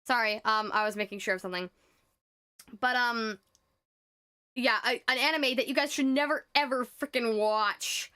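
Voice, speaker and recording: A woman streamer chatting casually, rambling and stuttering nervously through an animated rant. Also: on the high side, moderate pace, pauses often, clean tone.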